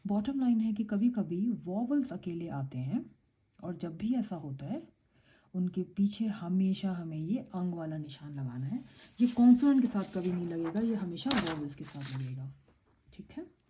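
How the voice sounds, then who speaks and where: A woman's voice: lowish voice, lively intonation, unhurried, warm tone, slightly rough. A woman teaching a Korean lesson in a patient, explaining way, switching between Hindi and English. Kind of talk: casual online lesson.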